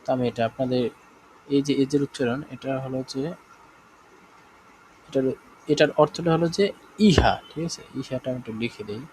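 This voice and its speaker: Over poor audio with slight background noise, a man's medium-pitched, slightly mellow voice leads a live online German lesson. He has a Bangladeshi Bengali accent, goes slowly, repeats himself and frequently makes sure students are keeping up.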